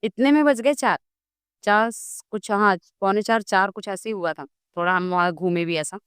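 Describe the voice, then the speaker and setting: Woman telling a story in an interview, smooth clear voice, dry close sound, acts out the back and forth. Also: mid-range voice, moderate pace, no echo. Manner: animated storytelling, acts out dialogue. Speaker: guest devotee.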